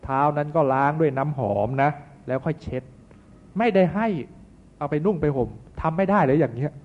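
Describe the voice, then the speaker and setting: A man's voice: on the high side, animated, fairly quick. A man voicing a wealthy old-time male merchant who patiently explains things. The recording sounds tinny. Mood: explaining.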